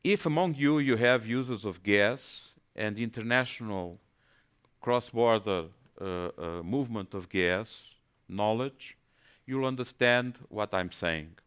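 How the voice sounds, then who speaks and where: Hesitant man, smooth low voice. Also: takes it slowly, a bit bright. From Portugal. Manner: hesitant, repeats words while thinking. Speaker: panelist. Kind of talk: webinar presentation.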